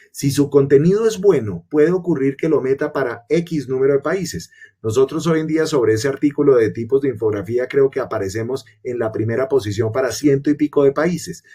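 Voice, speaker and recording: Dark husky man presenting a webinar. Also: mid-range voice. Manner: explanatory, poses and answers own questions. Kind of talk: webinar lecture.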